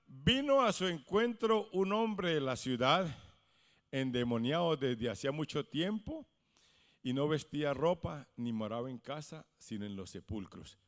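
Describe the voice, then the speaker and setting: A male pastor preaching a sermon, swinging from hushed lines to loud exclamations. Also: medium pitch, expressive, moderate pace, big-room sound. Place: church.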